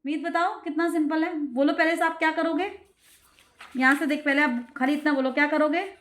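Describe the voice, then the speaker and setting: Woman tutor, high voice, slow read-aloud of English steps, Hindi explanations, repeats questions again and again. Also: fairly even intonation, a bit bright. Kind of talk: home tutoring lesson.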